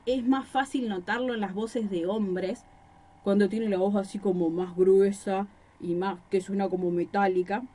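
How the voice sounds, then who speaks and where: A woman teacher with a Rosario Argentine accent, explaining a recorded class lesson with examples and rhetorical questions, speaking into a microphone in a small room. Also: mid-range voice. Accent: Rosario Argentine Spanish.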